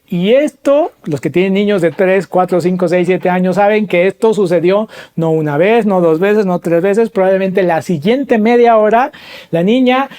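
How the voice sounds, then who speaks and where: Man telling stories on a podcast. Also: a little mellow. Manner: storytelling, frequent tag questions and rhetorical questions to listeners; acts out quoted voices with pitch jumps. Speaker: podcast host. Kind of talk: explanatory podcast monologue.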